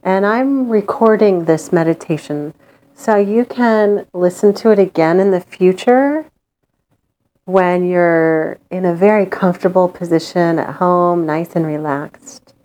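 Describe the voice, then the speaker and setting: A woman with a lowish voice leads a guided meditation, calm, gentle and soothing, with long pauses.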